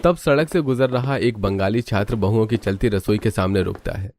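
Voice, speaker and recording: A man narrates a cartoon tale as a scripted storyteller. His voice is low, and there is clear noise behind it. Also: moderate pace, a little mellow. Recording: clearly noisy background.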